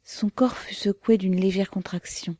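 A woman narrating a novel as an audiobook in a slow, measured, grave manner. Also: medium pitch, fairly even intonation, warm tone, husky, no echo.

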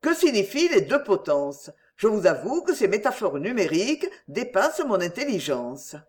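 Woman reading as an exasperated gentleman. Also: medium pitch, sing-song, moderate pace, natural voice. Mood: impatient. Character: exasperated gentleman bingo player.

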